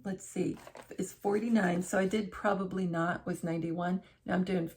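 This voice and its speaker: This middle-aged woman's voice is lowish and somewhat dark, steady and moderately paced, with slight background noise. She's vlogging from a living room armchair, talking to camera in a loose, rambling, conversational style, frequently stopping to restart or fix what she said.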